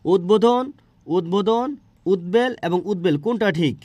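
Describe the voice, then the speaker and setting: A man's voice: high-pitched, normal speed, darkish tone, no room sound. A man teaching a spelling lesson for exam preparation, asking his students questions and answering them himself.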